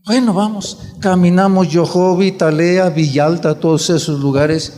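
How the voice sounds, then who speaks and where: Mexican pastor preaching, tells stories w voices, lots of reverb. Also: male voice, high-pitched, fairly even intonation, measured pace, mellow. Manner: preaching, urging listeners, acting out voices in his anecdotes. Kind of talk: sermon with storytelling.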